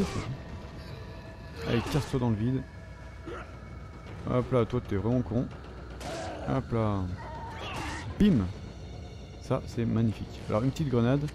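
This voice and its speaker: A French man commenting on his own gameplay, swearing and reacting as he plays. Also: medium pitch. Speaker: gamer. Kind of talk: let's play commentary. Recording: noisy background.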